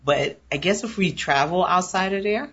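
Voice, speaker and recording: A woman co-hosting a casual chat show, chatty and quick to laugh. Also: on the low side, a bit bright, breathy edge. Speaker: co-host. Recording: dull lo-fi recording.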